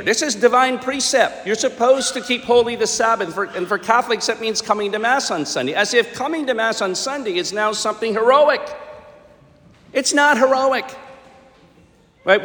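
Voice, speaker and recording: Priest preaching in a long cathedral echo. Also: male voice, extremely high pitch, fairly bright tone. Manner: plain-spoken, rhetorical questions and repetition. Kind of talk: homily with Gospel reading. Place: large church during Mass.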